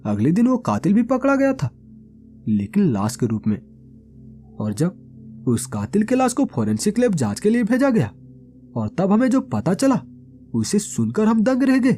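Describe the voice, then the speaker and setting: A man voicing a grave senior police commissioner in a horror audio story, speaking in a serious, measured way. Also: high voice, huge pitch swings, warm tone, soft background music.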